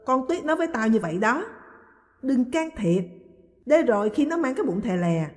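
Woman voicing a loud meddling old aunt. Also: fairly high pitch, sing-song, fairly quick, in a large hall, pitched above the performer's own voice. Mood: indignant. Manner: loud, indignant. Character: meddling outspoken older aunt.

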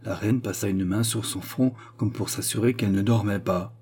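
A male audiobook narrator with a low, dark voice. He reads a classic novel in a measured, dramatic manner. A husky grain runs through his tone. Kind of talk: scripted literary narration.

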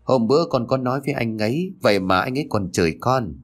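A man voicing a spiteful, jealous schoolgirl in a read-aloud story, speaking in a sharp, taunting way. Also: medium pitch, lively intonation, quick pace, natural voice. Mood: whiny.

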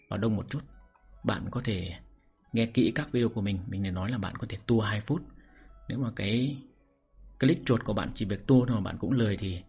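Husky host chatting with listeners, low-key and relaxed, bit of music. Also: male voice. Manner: relaxed, mildly defensive, chatty. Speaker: channel host. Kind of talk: casual address to listeners.

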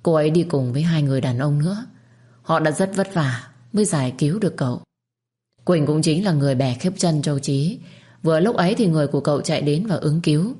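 A woman narrating a dramatic story in a steady, measured reading voice. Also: low voice. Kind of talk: scripted narration.

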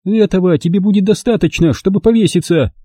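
A man's voice: high voice, a little fast, mellow, dry recording, studio quality, voice pushed up. A man reading an audiobook, voicing a harsh, scornful middle-aged woman who scolds coarsely.

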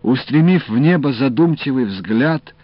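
A man narrating an audiobook in the first person with expressive, varied delivery. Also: mid-range voice, unhurried, no room sound. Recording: dull dry studio audio, faint music.

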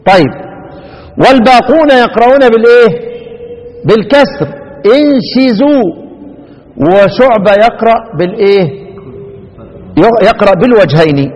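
Egyptian male Quran teacher, high voice, chanted verses and constant quiz questions, reverberant hall. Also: expressive, darkish tone. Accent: Egyptian Arabic. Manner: quizzing listeners with repeated rhetorical questions, chanting verses slowly. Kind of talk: classroom lesson explaining a poem on Quran readings.

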